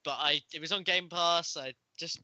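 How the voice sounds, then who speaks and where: A man's voice: on the high side, fairly even intonation, moderate pace, pushed and bright, no room sound. A man hosting a casual gaming podcast, rambling and laughing often as he chats. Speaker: podcast host. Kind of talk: casual chat.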